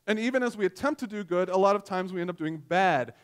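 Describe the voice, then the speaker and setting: A man in his forties delivers a sermon from a church stage, his voice sitting noticeably high for a man. He keeps it conversational and self-deprecating, telling homely stories between points. The sound is close and clean from a headset mic. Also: fast talker, clean tone. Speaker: pastor.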